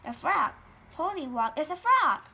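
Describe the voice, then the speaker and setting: A woman reading a children's story aloud, repeating key words slowly for learners. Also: high voice, very animated, creaky, sharp tone, a little hiss or hum.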